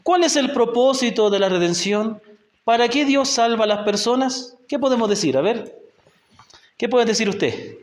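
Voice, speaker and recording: In an echoey church hall in a rural community, a Chilean missionary teacher leads a Bible class. His high voice is animated and moves at normal speed. He talks patiently, putting questions to the group and often checking they follow with "¿ya?".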